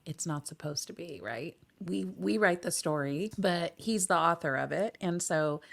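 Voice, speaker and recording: A woman hosting a casual conversational interview, her voice hoarse and croaky like a frog from a respiratory illness, talking in an earnest, chatty way. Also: lowish voice, lively intonation, normal speed, fairly bright tone. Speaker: podcast host.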